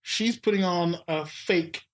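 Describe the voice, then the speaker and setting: A woman's voice: fairly low pitch, slow. Woman podcast cohost, casual movie chat, lots of laughing and trailing off. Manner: chatty, laughs often, trails off mid-sentence. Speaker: podcast co-host.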